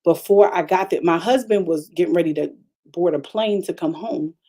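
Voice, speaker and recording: A mellow-voiced older woman pastor delivers a storytelling sermon. She is animated and emphatic and speaks directly to her listeners. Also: fairly low pitch, moderate pace. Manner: animated, emphatic, talks straight to the audience.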